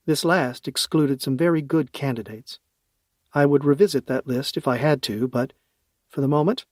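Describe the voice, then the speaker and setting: A man's voice: a little high, a little mellow, dry recording. A man narrating a science fiction audiobook in the first person, with a wry, dry humor.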